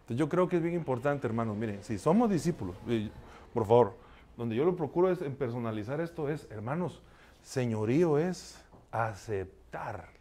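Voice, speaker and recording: A man's voice: mid-range voice, darkish tone. A male pastor preaching a sermon in a conversational, confessional way, often turning to his listeners to ask for their agreement and a response. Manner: confessional, shares his own failings.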